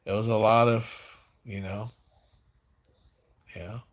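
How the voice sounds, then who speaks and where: A man in his fifties chatting casually as a live stream host, with slurred, mumbling speech as if his tongue were half numb, halting and repeating words. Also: on the low side, steady tone. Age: 50s.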